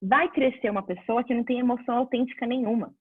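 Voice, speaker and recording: A woman's voice: a little high, fast, slightly rough, no echo. Woman teaching over a tinny line. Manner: conversational, answers viewer questions, lively examples. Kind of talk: casual online class. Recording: dry phone-like audio.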